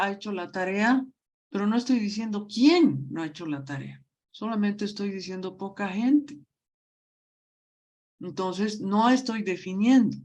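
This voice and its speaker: A woman's voice: mid-range voice, a little mellow. A woman teaching a grammar lesson, explaining patiently and often checking that the class follows. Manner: slow, patient explaining with frequent check-ins.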